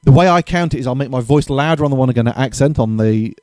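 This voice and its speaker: A man giving a casual drum lesson, chatty and relaxed, correcting himself and counting beats aloud, with drums played between his explanations. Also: mid-range voice, fast, dry recording. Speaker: drum teacher. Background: drumming between explanations.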